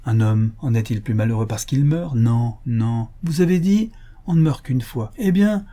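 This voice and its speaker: A man voicing a sick, bitter, hard-drinking rich old builder in a gruff, raised voice that bursts out loudly. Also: medium pitch, expressive, moderate pace, natural voice.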